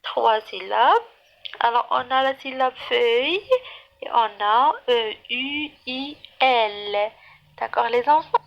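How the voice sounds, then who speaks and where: A woman's voice: fairly high pitch, slow, gravelly, highs cut off. A woman teaching a primary school reading lesson, spelling out letters one by one and praising the children often in a patient, encouraging way.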